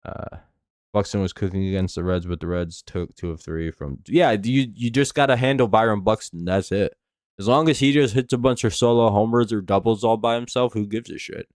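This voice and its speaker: An American man hosts a casual sports live stream in a low voice, recorded dry and close. His s sounds whistle with a slight lisp from false teeth. He rambles through play-by-play and chat like a fan, swearing as he goes. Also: a little fast, a little mellow, no room sound. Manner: rambling, profane, laid-back fan talk.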